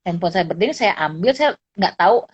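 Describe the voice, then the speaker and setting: A middle-aged woman psychologist and lecturer chatting casually, telling animated anecdotes and often laughing. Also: lowish voice, brisk, a little hiss or hum. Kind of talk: casual storytelling chat. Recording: dull lo-fi recording.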